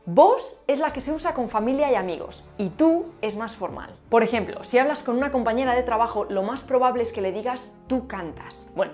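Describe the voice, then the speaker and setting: A woman with a Spain Spanish accent hosting a lesson video, playfully demonstrating pronunciations. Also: a little high. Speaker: linguistics video host.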